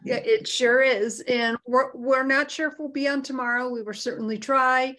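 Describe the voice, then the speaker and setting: A woman's voice: high voice, steady tone, moderate pace, fairly bright tone. Easygoing woman podcast co-host. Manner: friendly, easygoing, asks questions. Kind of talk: casual podcast chat.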